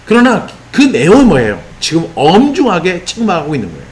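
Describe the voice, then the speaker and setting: A man preaching an expository sermon as a pastor, animated and sometimes shouting out rebukes. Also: high-pitched, fairly quick. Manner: animated, voices apostle's rebukes in raised exclamations.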